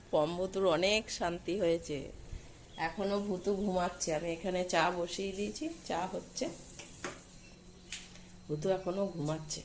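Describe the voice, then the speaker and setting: Hoarse woman vlogger, lowish voice and wide swings in pitch, cooing at her pets over faint background noise. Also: fairly even intonation, slow, long pauses. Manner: coos and calls out high and loud to her dogs. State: hoarse with a cold and sore throat. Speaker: vlogger filming her dogs. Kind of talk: casual chatty vlog narration. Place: at home and just outdoors in the evening.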